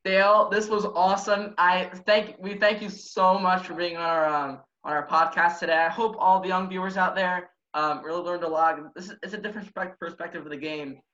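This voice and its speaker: A man's voice: high voice, fairly even intonation, a little fast, hardly any pauses, sharp tone. A young man hosting a podcast, talking in an eager, casual way with lots of fillers. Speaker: podcast host. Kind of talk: casual interview talk. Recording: roomy, dull lo-fi sound.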